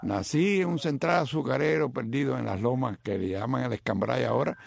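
An older Cuban man with a deeply gravelly, creaky voice tells long, rambling stories in a relaxed chat. His pitch sits in an ordinary middle range, and he drifts from one aside to the next. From Cuba. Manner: rambling storyteller with many asides. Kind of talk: casual chat.

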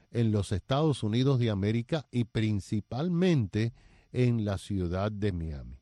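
An older man hosting a radio interview show, talking slowly with many fillers and pauses. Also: on the low side, dark tone, no room sound, clean studio sound. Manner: slow, hesitant, with many fillers.

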